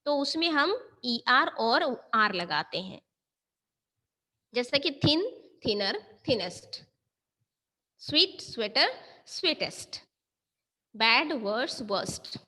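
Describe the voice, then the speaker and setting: A school teacher takes an online grammar class, her high, sharp-toned voice very animated yet slow, with long pauses. She mixes Hindi and English and keeps checking whether the students have understood.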